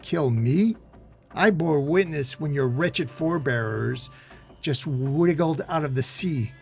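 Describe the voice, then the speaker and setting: A man doing the Infernal Hulk, gravelly and slow. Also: mid-range voice, darkish tone, soft background music, close to an everyday voice. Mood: menacing. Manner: slow, growling, gloating. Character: Infernal Hulk, huge menacing ancient male monster.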